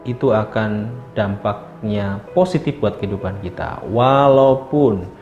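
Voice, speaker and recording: A man's voice: lowish voice, measured pace, darkish tone. Casting note: male lecturer, chatty and friendly, roomy sound, slightly dull audio, faint music behind. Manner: addresses listeners as friends, many tag fillers. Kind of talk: casual lecture.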